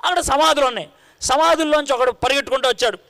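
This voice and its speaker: A man preaching a sermon in an animated, conversational way, full of rhetorical questions to his listeners. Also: very high voice, very fast.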